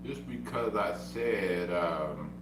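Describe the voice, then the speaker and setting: This deep-voiced man stutters as he streams a casual monologue, speaking slowly but with lively intonation. He repeats himself insistently and sounds defensive. The recording has room echo and a hum, and he's far from the mic.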